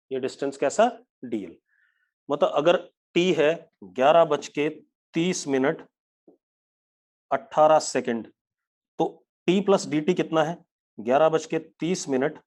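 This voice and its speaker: A male physics teacher giving an online live class, mixing English terms into his Hindi and dictating definitions slowly while checking whether the students follow. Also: fairly high pitch, a little mellow.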